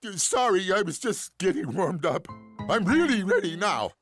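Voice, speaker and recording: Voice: medium pitch, big pitch swings, moderate pace, soft background music. A jittery, chatty cartoon octopus. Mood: earnest. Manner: anxious, rambling when nervous. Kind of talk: cartoon voice acting.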